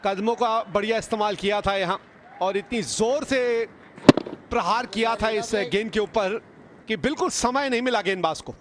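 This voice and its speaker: High-voiced Indian man commentating on cricket. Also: normal speed, noisy background. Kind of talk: live sports commentary.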